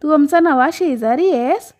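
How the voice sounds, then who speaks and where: Woman voicing a little girl, curious, chatty, high eager voice, full of questions. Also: measured pace, darkish tone.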